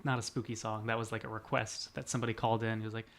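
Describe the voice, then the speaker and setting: A man's voice: lowish voice, level tone, racing, vocal fry, fairly bright tone. A young man in his twenties chatting casually as a podcast co-host, rambling and self-deprecating, laughing often. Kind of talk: casual chat.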